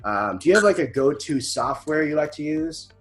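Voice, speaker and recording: A man's voice: on the high side, lively intonation, moderate pace, soft background music. A man hosting a casual interview, friendly and chatty, telling stories with frequent fillers. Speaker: interviewer host. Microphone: livestream call.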